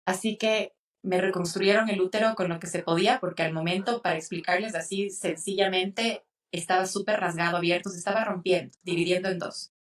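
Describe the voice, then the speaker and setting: A woman's voice: on the low side, a little fast, recorded from a distance. Young woman telling her story, slightly off-mic. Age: young adult. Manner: tearful, animated retelling with acted quotes. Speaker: podcast co-host. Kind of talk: emotional personal storytelling.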